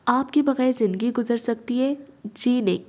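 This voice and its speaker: A woman reading the part of a young police officer, speaking calmly, gently and earnestly. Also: a little high, normal speed.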